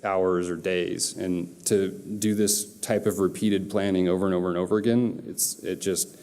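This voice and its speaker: A man with a low voice gives a conference presentation in a big hall, and the room's long reverb trails after his words. His delivery is loose and conversational, full of fillers and restarts. The tone stays mellow and dark. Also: steady tone, normal speed. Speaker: conference speaker.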